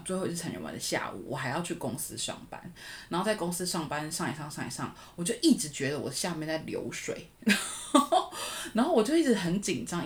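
Woman, 30s, podcast co-host; fast, lively storyteller. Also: low-pitched, slight background noise. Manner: animated storytelling with frequent laughter. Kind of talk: casual chat.

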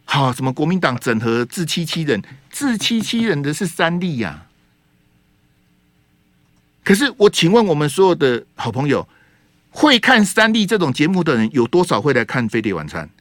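Man, Taiwanese Mandarin accent, radio host, sarcastic political commentary, rhetorical questions, fairly high voice, dry close studio sound. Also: very animated, moderate pace, a bit bright, no room sound. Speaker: radio talk show host.

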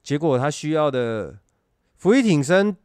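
A man with a Taiwanese accent telling stories in casual conversation, animated and illustrating them with vocal sound effects. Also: on the high side, a little slow, clear, resonant tone, no echo, clean studio sound. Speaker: guest telling his military service stories.

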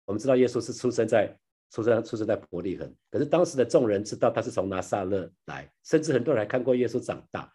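A man delivers a devotional Bible teaching, speaking to his listeners as brothers and sisters. His voice sits low and sounds husky. He repeats phrases and ends lines with soft tag particles. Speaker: pastor sharing a daily devotional.

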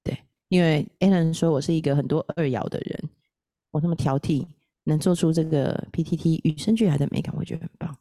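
A woman hosting a podcast, talking in a giggly, self-deprecating, animated way. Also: low-pitched, a little fast, dry recording, clean studio sound. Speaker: podcast host, astrologer. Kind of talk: casual podcast chat.

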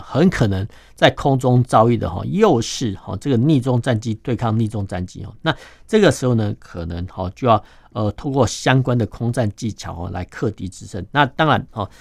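A man, a defense journalist explaining military matters as an interview guest, filling his phrases with drawn-out "oh" and "ha" sounds. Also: mid-range voice, vocal fry, no room sound, studio quality. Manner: peppers phrases with drawn-out "oh" and "ha" particles.

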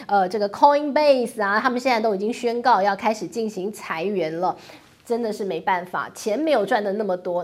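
Animated woman finance host. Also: on the high side. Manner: animated, rhetorical questions, wry asides. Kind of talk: talk-show commentary on the economy.

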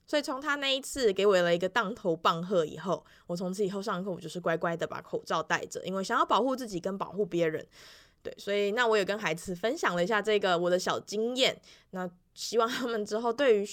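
A woman's voice: medium pitch, a bit bright. A young woman in her twenties, a music teacher, telling stories about her class in a casual, chatty weekly monologue full of fillers and restarts. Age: 20s. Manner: acts out children's voices in quoted lines.

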